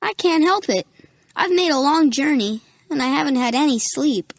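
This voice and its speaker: A woman's voice: sits high, lively intonation, normal speed, creaky, no room sound. An actress playing a polite, curious little boy prince in an audiobook drama. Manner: polite, earnest. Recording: music playing behind.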